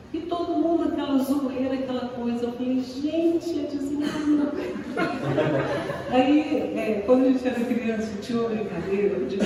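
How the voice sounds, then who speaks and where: Chatty Brazilian woman, echoey and distant. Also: on the high side. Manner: chatty, laughing often, frequent "né?". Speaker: co-host of a spiritist live show. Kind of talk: casual storytelling. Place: live stream. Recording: echoey room, distant mic, background noise.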